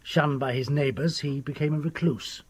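An actor playing an obsessed, fearful country doctor in a radio drama, with a husky voice and formal, ominous manner. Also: male voice, fairly high pitch, steady tone, normal speed, no echo. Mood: grave, ominous. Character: desperate, frightened country doctor obsessed with the occult.

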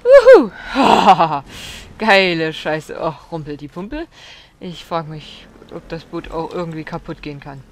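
A woman's voice: deep voice, fairly even intonation, normal speed, slight background noise. A woman giving blind let's play commentary, swearing, exclaiming and scolding the enemies aloud.

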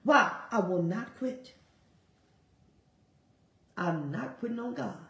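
A woman preaching a sermon, urging listeners with fervent, repetitive exhortation and sudden leaps in pitch. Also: animated, slow pace, fairly bright tone, roomy sound, low-quality recording.

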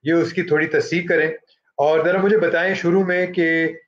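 A middle-aged man from Pakistan, moderating a book launch and introducing an author, speaking haltingly with frequent fillers and switches into English. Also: on the high side, flat delivery, lo-fi sound.

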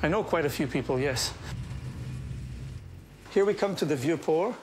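Chatty fifty-something baker, outdoors, a little higher voice, noisy surroundings. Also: male voice, expressive, moderate pace, darkish tone. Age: 50s. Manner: chatty, repeats himself. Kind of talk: casual chat on a walk. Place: outdoors at an old harbour.

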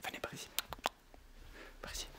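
A man whispering quickly through an ASMR tour of a computer setup. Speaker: tech ASMR creator.

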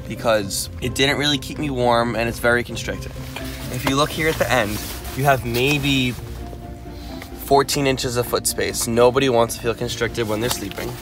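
A man in his twenties giving a casual mock product review in a tent, deadpan and sweary. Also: medium pitch. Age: 20s. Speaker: vlog companion giving a mock gear review. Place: inside a tent at a festival campsite. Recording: music behind the voice.

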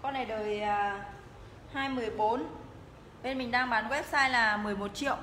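Woman doing a live shop sales pitch, kinda high voice, noisy echoey phone audio. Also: fairly even intonation, moderate pace, pushed and bright. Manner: promotional, repeatedly urging viewers to get in touch. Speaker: motorbike shop livestream seller. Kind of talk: live sales pitch, casual product walk-through. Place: tiled indoor motorbike showroom rooms and stairwell. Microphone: handheld phone, held by the walking speaker. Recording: noisy phone audio in echoing hard-walled rooms.

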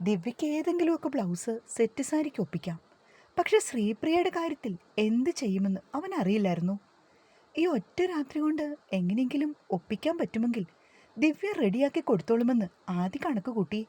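A woman narrating a family story, gently voicing the relatives' lines now and then. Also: on the high side, expressive, fairly quick, slightly rough. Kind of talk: scripted story narration with dialogue.

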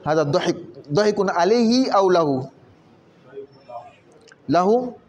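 A man's voice: high voice, lively intonation, slow pace, darkish tone. A male teacher reading a story aloud line by line and explaining it patiently, often asking the listener whether they follow. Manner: patient, explanatory, asks rhetorical questions to check understanding.

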